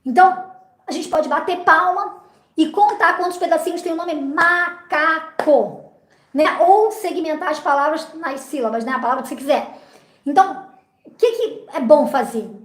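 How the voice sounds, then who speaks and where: A middle-aged woman, a literacy teacher, explains classroom phonics games in a patient, didactic way, often pausing with little checking words. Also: sits high, echoey room. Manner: didactic, frequent "né?" and "então" fillers.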